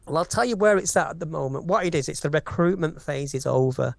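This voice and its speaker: A woman's voice: low voice, animated, quick pace, vocal fry, no echo. Emphatic opinionated woman. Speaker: podcast co-host. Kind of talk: live casual chat.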